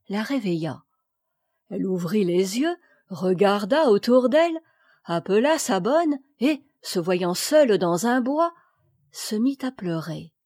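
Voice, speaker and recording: A woman reading a classic children's story aloud in a measured storybook narration. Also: medium pitch, darkish tone, slightly rough, dry recording, clean studio sound. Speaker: audiobook reader.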